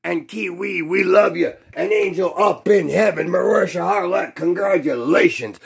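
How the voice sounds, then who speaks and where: A man delivering a rambling, excited fan rant, shouting and whooping as he goes. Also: high voice, normal speed, vocal fry, slightly rough. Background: music.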